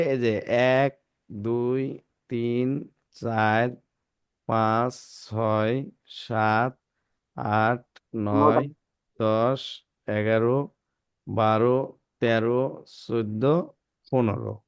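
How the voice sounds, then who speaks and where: A man teaching Arabic letter pronunciation in a classroom, reciting letters one by one with a slow, drawn-out delivery and checking in with his students. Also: medium pitch, fairly even intonation, smooth, dry recording, studio quality.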